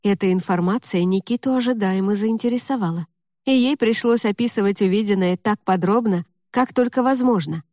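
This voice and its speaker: A woman reads an audiobook in a steady, even storytelling manner. Her voice is dark and mellow, and the recording is dry, close and free of room sound. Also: mid-range voice, a little fast, dry recording. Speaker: audiobook narrator. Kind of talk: scripted audiobook narration.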